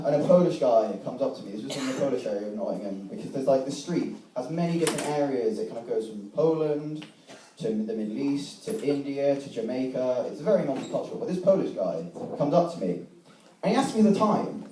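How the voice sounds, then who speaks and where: A young man telling a self-mocking stand-up story with an animated, wry delivery at a live comedy venue. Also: mid-range voice, a little hiss or hum. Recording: echoey room, voice from far off the mic.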